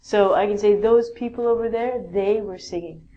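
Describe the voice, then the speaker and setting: A woman's voice: medium pitch, normal speed, warm tone, muffled recording. A woman teaching a basic English grammar lesson, patiently explaining rules and reading out example sentences.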